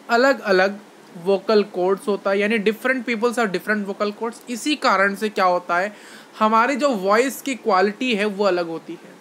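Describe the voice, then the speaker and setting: A science teacher gives an online lecture to students in a voice that sits high and is a bit bright, with slight background noise. He repeats his explanations, asks the students questions, and speaks Hindi mixed with English phrases.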